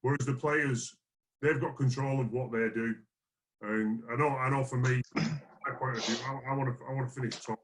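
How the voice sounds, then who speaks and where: Mid-pitched man discussing sport earnestly. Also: steady tone, normal speed, poor audio. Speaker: rugby league player guest.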